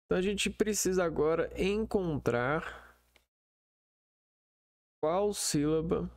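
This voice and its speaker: A man teaching an online lesson over a shared screen, in a slow, hesitant way full of fillers. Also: high voice, no room sound, studio quality.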